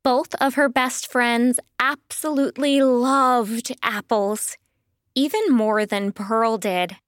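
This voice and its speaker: A woman narrating a children's audiobook in a slow, sing-song storytelling manner, recorded close to a studio mic. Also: fairly high pitch, clear, resonant tone, no room sound.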